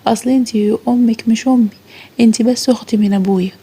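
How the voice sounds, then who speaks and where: Brief: woman narrator quoting a possessive, insistent grown man; fast, husky, flat. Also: fairly high pitch. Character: grown man, older half-brother, domineering.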